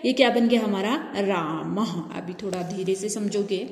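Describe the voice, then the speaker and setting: A woman's voice: medium pitch, normal speed, darkish tone. A woman teaching a grammar lesson who asks her own questions and answers them, spelling out sounds one by one. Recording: echoey room with long reverb.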